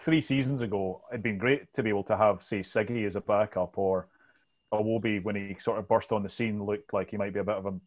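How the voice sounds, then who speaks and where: A man's voice: on the low side, steady tone, fairly quick. A man with a Glasgow Scottish accent chatting casually about football, informal and sweary, as a podcast host.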